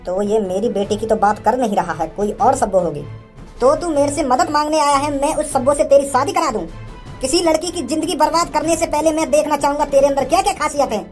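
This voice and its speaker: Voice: high voice, fairly quick, darkish tone, soft background music, natural voice. A performer voicing a short-tempered village father in a cartoon, mocking and bossy, with a threatening streak. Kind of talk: cartoon voice acting.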